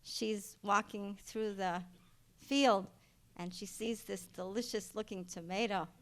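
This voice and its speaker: A middle-aged woman giving a eulogy at a funeral for her mother. She tells personal stories in a rambling way, with many fillers and restarts, and gets loud and animated at the punchlines. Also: medium pitch, unhurried. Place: funeral service.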